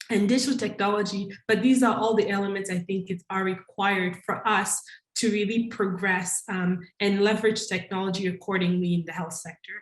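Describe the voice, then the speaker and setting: A woman from Congo gives a thoughtful, earnest conference talk as a panelist, often restarting her sentences with fillers. Her voice is mid-range, and the recording is rough with a roomy sound.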